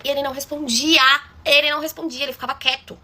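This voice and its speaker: A woman's voice: high-pitched, fairly even intonation, fast, sharp tone. A woman telling a story in a chatty, dramatic way, often calling out to her listeners. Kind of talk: casual storytime.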